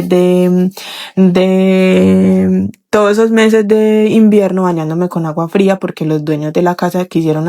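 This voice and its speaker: A woman's voice: on the low side, warm tone. A young woman telling a listener testimony in a voice message, rambling and emotional, often restarting her sentences. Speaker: podcast listener sharing a testimony.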